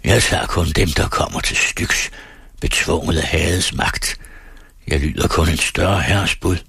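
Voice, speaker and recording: A gruff old ferryman of the dead, as a male reader puts him on, hoarse and muttering. His voice is very deep and rough, and the recording is close and dry. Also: sharp tone, no echo, full character voice.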